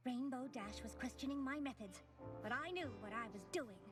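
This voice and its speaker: A woman voicing an elegant cartoon pony narrating like a dramatic, deliberate noir detective. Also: high voice, music in the background, close to an everyday voice. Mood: brooding, suspicious. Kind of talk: noir detective voice-over in an animated series.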